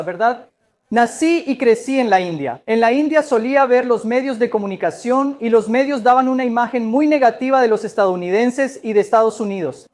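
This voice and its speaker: Earnest woman with a higher voice. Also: a little mellow. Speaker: guest speaker answering audience questions. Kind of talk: dubbed talk at a church event.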